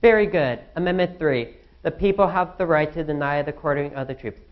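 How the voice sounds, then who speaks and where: A man's voice: fairly high pitch, fairly quick, dull audio, lightly acted. A young man playing an anxious founding father in a student skit, fretting aloud to himself. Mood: worried musing. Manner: fretful, talks to himself.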